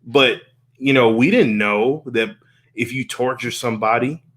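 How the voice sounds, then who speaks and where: A man's voice: mid-range voice, measured pace, fairly bright tone. A man hosting a casual podcast chat, talking earnestly, repeating and restarting phrases and swearing freely.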